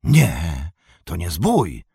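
A man voicing a gruff, bold old male hobbit farmer who speaks in hearty exclamations. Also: low-pitched, wildly swooping pitch, extremely slow, mellow, no room sound, clean studio sound, exaggerated voice.

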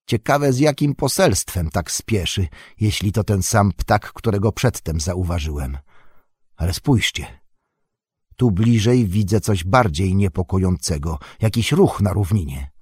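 A man's voice: low voice, expressive, a little slow, darkish tone, breathy edge, dry recording, clean studio sound, full character voice. A man voicing a noble, weary male ranger who speaks solemnly and with longing, his voice raised and ringing. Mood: thoughtful.

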